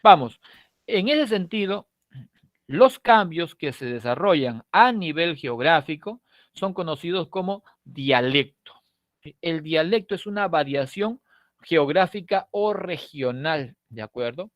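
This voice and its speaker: This clip, dry and studio-clean, captures a middle-aged Lima native whose voice sits on the high side, animated yet measured in pace. Speaking with a Peruvian Spanish accent, he teaches a prep-course language class conversationally, cracking jokes with students and ending many lines with "¿no?".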